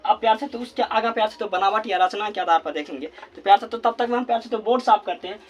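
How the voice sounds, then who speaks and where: High-voiced man teaching grammar slowly. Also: highs cut off. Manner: repeats words slowly while writing, constant filler phrase. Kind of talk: classroom grammar lesson at a board. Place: classroom with a board.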